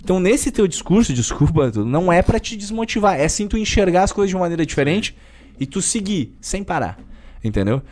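This podcast guest, a personal trainer in his thirties from southern Brazil, has a high voice and talks a little fast in a Gaúcho accent. The conversation is casual, and he keeps throwing in "velho" while speaking with animated emphasis.

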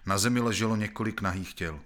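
Deep-voiced man reading a grim novel. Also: a bit bright. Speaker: narrator.

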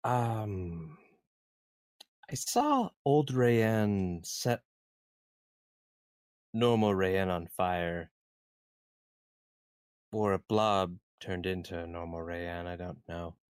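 A man's voice: low-pitched, animated, very slow, pauses often, clean tone, no room sound, studio quality. A man playing a tabletop game, describing his character's moves in a playful way. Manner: playful, laughing often between in-character choices. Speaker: player.

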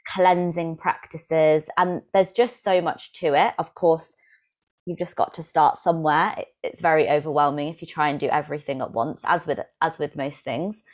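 A woman from England, a yoga teacher, calmly explaining practices in a podcast interview. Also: low-pitched, normal speed.

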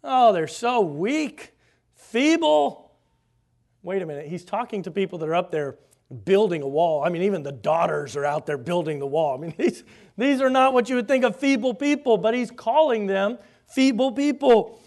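A man preaching a sermon, animated, slipping into mocking voices when he quotes the scoffers. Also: high-pitched, a little fast.

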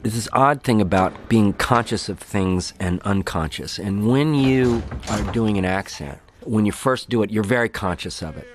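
Deep male actor, reflective and self-deprecating. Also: lively intonation, normal speed, few pauses, slight background noise. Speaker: film actor. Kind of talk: film commentary.

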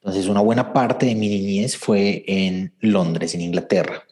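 A man with a Colombian accent speaks as a guest on a casual podcast. He tells stories with dry, self-deprecating humor. His voice sits on the low side. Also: a little slow, darkish tone. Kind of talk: casual conversational interview.

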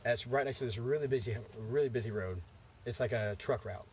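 A man with a stuffy, congested voice retells horror films in a loose, profane ramble full of "like" and "um." He sits at a middle pitch with faint background hiss. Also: brisk. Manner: rambling, profane, lots of fillers. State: congested, clearing throat. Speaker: podcast host. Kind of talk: casual chat, storytelling.

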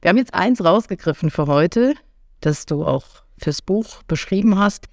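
Female podcast host, calm and curious, gravelly timbre, dry close mic. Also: lowish voice, normal speed, no room sound. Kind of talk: interview questions.

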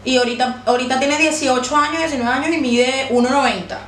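A woman's voice: high-pitched, fairly even intonation, quick pace, a bit bright. A young woman with a Venezuelan accent in casual chat, playful and crude, full of slang and mocking voices. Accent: Venezuelan Spanish. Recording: echoey room with faint noise.

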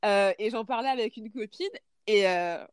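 A woman's voice: medium pitch, normal speed, clear, resonant tone, dry recording, studio quality. Hesitant woman thinking aloud. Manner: hesitant, many fillers and restarts while thinking aloud. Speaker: podcast host parent. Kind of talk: casual podcast chat.

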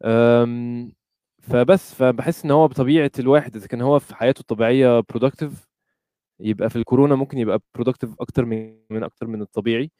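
Egyptian arabic guy guesting on a podcast, soft dark tone, talks fast, english words mixed in. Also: mid-range voice, fairly even intonation, no echo. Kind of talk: casual chat.

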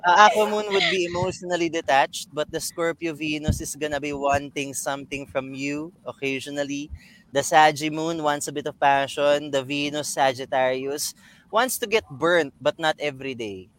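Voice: mid-range voice, normal speed, fairly bright tone, low-quality recording. A Filipino astrology analyst chatting casually as a panel guest, switching between Tagalog and English.

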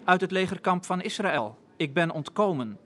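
A man's voice: high voice, expressive, moderate pace. A man reading as a weary battlefield messenger. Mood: grave.

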